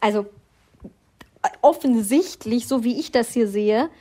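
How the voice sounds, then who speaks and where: Young female co-host, casual, animated storyteller, slightly high voice. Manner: animated storytelling, quick bursts, often laughing. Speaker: podcast co-host. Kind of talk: casual chat.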